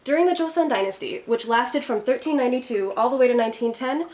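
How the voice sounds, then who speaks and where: A woman from Minnesota, USA, whose first language is English, tutors Korean in scripted educational narration. Her voice is fairly high, fast, and a little mellow, and her tone is upbeat and friendly.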